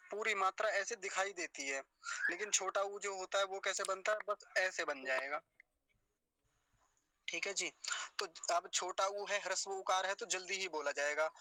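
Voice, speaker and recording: Male teacher, slightly high and sharp, breaks words into slow syllables and quizzes students. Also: no echo, poor audio. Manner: drills words slowly, syllable by syllable. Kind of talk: pronunciation lesson.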